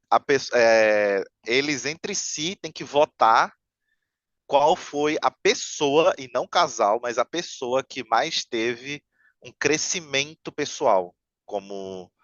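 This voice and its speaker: A man rambles through a story in a relaxed podcast chat, piling on fillers and restarts. His voice is smooth and resonant. The sound is dry and a little muffled. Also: medium pitch, slow, no echo. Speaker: podcast guest. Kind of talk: casual chat.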